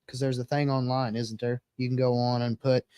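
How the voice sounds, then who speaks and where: A man's voice: mid-range voice, level tone, brisk, warm tone, clean tone, no room sound. A man co-hosting a casual live-stream chat, easygoing and chiming in with agreement. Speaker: co-host.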